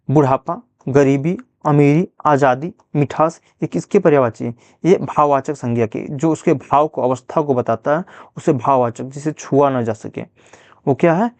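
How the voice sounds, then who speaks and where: A man's voice: fairly high pitch, a little mellow, no room sound. Male Hindi teacher drilling answers. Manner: asks questions then answers them, repeats each answer. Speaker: exam prep teacher. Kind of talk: Hindi grammar revision lesson.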